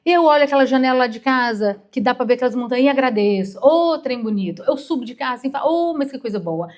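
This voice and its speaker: A woman's voice: sits high, fast, darkish tone. A woman in her fifties with a Mineiro Brazilian accent, preaching an informal sermon in a chatty, emotional way, acting out little stories. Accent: Mineiro Brazilian Portuguese. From Minas Gerais, Brazil. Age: 50s. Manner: chatty, emotional, storytelling with acted-out quotes. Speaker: therapist preaching to a congregation.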